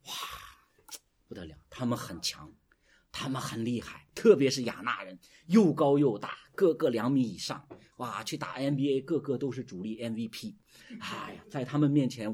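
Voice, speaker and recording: Alarmed scouts blowing the enemy up into giants, acted by a man in a sermon, husky and overstated. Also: medium pitch, darkish tone. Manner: exclaiming, comic overstatement. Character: frightened Israelite scouts, exaggerating enemy giants.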